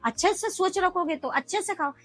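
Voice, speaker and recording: A woman's voice: very high voice, brisk, a bit bright, faint music behind, poor audio. A middle-aged woman street food vendor telling her story earnestly in an interview, acting out the dialogue. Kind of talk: emotional personal interview.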